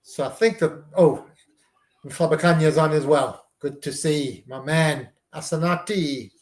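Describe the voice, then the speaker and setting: A man's voice: a little high, a little slow, echoey room. A man hosting a live stream, giving casual running commentary on a match and reacting to each play.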